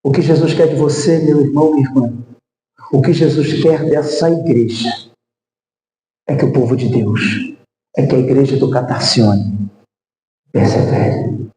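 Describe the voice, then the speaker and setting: A man's voice: medium pitch, steady tone, unhurried, pauses often, mellow. A man with a Brazilian Portuguese accent preaching a sermon as pastor, emphatic and repeating refrains. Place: church sanctuary. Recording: echoey church sanctuary.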